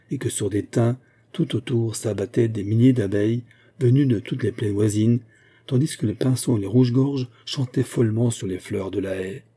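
A man reads a classic novel aloud in a measured, even way. His voice is very dark and husky, sitting somewhat low. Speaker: audiobook narrator. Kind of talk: scripted literary narration.

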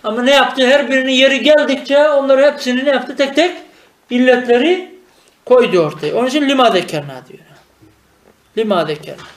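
Man, grammar teacher, high voice, asks and answers his own questions, echoey room. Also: a little fast. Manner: explains by asking questions and answering them himself. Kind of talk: traditional madrasa-style lesson.

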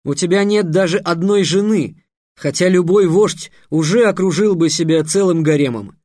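A man's voice: sits high, moderate pace, a little mellow, dry recording. A young mage in an audiobook, sarcastic and bold, lecturing with cool scorn in a slightly raised voice, read by a man. The sound is close and dry. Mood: reproachful.

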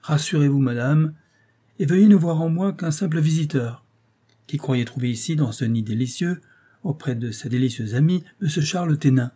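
A man reading an audiobook, voicing a polite, cunning gentleman detective who speaks courteously and with insinuation. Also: on the high side, normal speed, pitched above the performer's own voice, close to an everyday voice.

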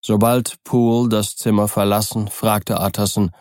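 A man narrating a classic novel as an audiobook, calm and even. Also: fairly low pitch, a little slow, no room sound, clean studio sound. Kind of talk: scripted literary narration.

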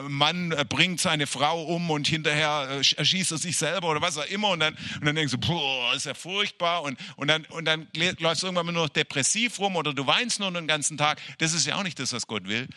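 A man preaching a sermon as pastor, animated, repeating phrases and speaking straight to his listeners. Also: fairly high pitch, dry recording, studio quality. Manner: animated preaching with repetition and direct address. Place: church evening service.

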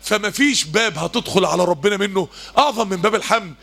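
An Egyptian man gives a mosque lesson at a quick clip. His voice sits high and sounds bright and forceful, and he drives each point home with rhetorical questions and emphatic repetition. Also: creaky. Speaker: preacher.

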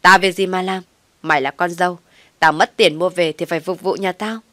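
A woman voicing a bitter, bossy old mother-in-law who scolds and wails loudly. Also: fairly low pitch, fairly even intonation, brisk, no room sound. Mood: scolding. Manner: scolding, wailing.

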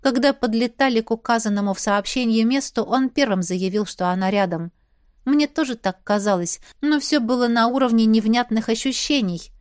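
A woman narrates a first-person story in a lively way. Her voice sits a bit high. The recording is close and dry. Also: normal speed, clean tone, no room sound. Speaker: audiobook narrator.

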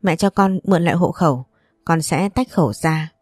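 A woman's voice: on the low side, normal speed, darkish tone, breathy edge, dry recording, studio quality. A woman voicing a humble young mother who pleads and apologizes. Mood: pleading.

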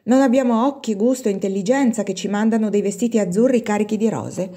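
A woman plays a proud young noblewoman in a read-aloud novel. She speaks in lively, exclamatory bursts, and the voice stays dark and husky. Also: medium pitch, fast talker, voice pushed up, natural voice. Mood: indignant. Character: beautiful, poor noble young woman Giulia, indignant.

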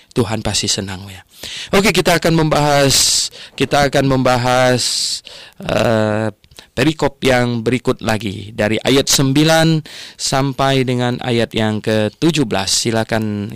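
An older man giving a Bible sermon on the radio, telling stories with animated swings of pitch. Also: dry recording. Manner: animated storytelling, rising sharply in pitch.

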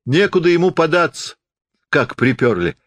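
A man voicing a sly, stern shop clerk who talks in a folksy, gruffly knowing way. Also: on the high side, big pitch swings, normal speed, fairly bright tone, no room sound, pitched above the performer's own voice.

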